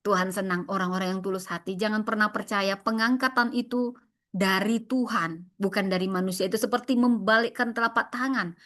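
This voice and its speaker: A woman pastor giving an animated, emphatic sermon, often speaking straight to the congregation and acting out the people in her stories. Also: mid-range voice, brisk. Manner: animated, emphatic preaching that acts out quoted voices; addresses the congregation often as "saudara".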